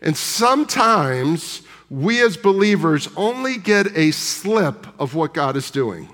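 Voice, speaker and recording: A man delivers a sermon in a relaxed, conversational storytelling style, now and then putting questions to the congregation. His voice sits a little higher than most men's. The sound carries a long reverb from the large church sanctuary. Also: slow. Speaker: pastor.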